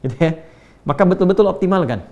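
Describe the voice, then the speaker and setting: A man's voice: sits high, animated, quick pace, darkish tone, muffled recording. A man preaching a religious lecture in a conversational way. He asks rhetorical questions, adds tag words like "ya", and recites Arabic verses in between his explanations. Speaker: Islamic preacher. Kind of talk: sermon-style religious lecture.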